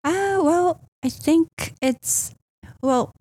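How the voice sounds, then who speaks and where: Japan-born female realtor, middle-aged, hesitant and filler-heavy, dark tone. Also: very high-pitched, drawn-out words, dry recording. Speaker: real estate agent. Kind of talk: interview answers.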